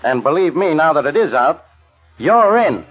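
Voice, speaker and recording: A man's voice: fairly high pitch, very animated, normal speed, loud music behind the voice. An American actor playing an exasperated, suspicious male police inspector, blustering and insistent, in 1940s radio acting style. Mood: triumphant, blustering. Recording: tinny, narrow old-time radio recording.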